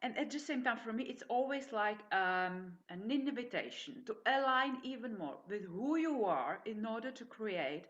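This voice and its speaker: A woman's voice: a little high, animated, moderate pace, few pauses, a bit bright, dull audio. A woman hosting an interview, introducing her guest and asking inviting questions. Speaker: interview host. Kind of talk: hosted interview.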